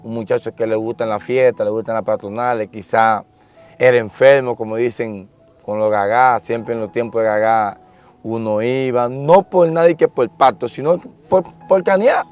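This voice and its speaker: A man's voice: mid-range voice, moderate pace, darkish tone, clean tone. A young man tells his conversion story in an earnest, repetitive, emotional manner during an interview. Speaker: interviewee giving testimony. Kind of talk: religious testimony, casual storytelling.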